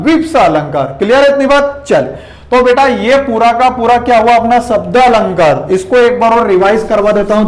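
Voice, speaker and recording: High-voiced man teaching a class. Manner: addresses students as "beta" and keeps asking quiz questions; checks in with "theek hai" throughout. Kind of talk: classroom lesson.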